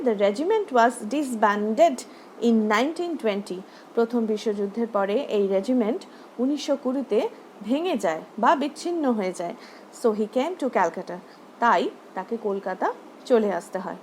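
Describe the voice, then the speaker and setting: A woman teaching a primary school English lesson with a Bengali accent. She reads the English text slowly, word by word, and explains each phrase in Bengali. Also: high voice, slight background noise. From West Bengal, India.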